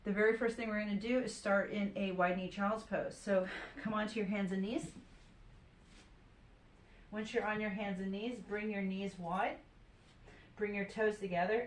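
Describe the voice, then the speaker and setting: A woman yoga instructor talking a class through stretches in a calm, steady voice. Her pitch sits in the middle range. The sound bounces around a roomy, echoey space. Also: normal speed, slight background noise. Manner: calm, steady cueing of breath and poses.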